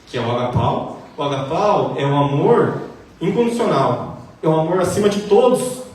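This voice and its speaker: Preacher guy, animated sermon, kinda high voice, super echoey room. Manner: animated, acts out quoted dialogue with rising emphasis. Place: church hall. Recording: echoey church hall, distant mic, faint hiss.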